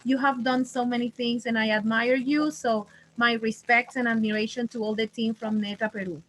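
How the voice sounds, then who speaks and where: A woman from Venezuela speaks in a somewhat high voice over a video call. She talks in a friendly, grateful way, with many fillers and restarts. It sounds like a casual online chat. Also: fairly even intonation, moderate pace, a bit bright, slight background noise, rough recording. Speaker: webinar presenter.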